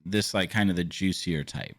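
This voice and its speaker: A man co-hosting a casual podcast, animated, laughing often and restarting his sentences. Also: low voice, normal speed, gravelly. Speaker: podcast co-host. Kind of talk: casual chat.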